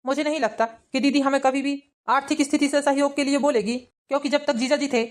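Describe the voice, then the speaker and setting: Easily swayed husband, quick high voice, cartoon drama, voiced by a woman. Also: steady tone, natural voice. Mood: reasoning. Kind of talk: Hindi cartoon family drama.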